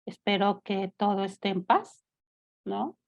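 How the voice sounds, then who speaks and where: Mexican lady hosting a talk show, slow rambly chat, lots of ums and asides. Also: medium pitch, vocal fry, a little mellow, lo-fi sound. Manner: rambling, with many fillers and asides. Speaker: host. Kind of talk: casual chatty monologue.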